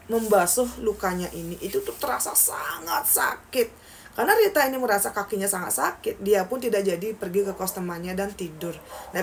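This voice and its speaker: A young woman telling a horror story in a casual, chatty way, speaking straight to her listeners and jumping up in pitch at dramatic moments. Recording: slightly distant mic with faint background noise.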